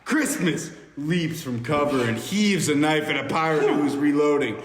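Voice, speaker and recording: Reading an action movie script dramatically with friends, this podcast host voices the narration and stumbles over a word now and then. He speaks at a fairly high pitch and moderate pace, and the reverberant room adds echo and faint noise.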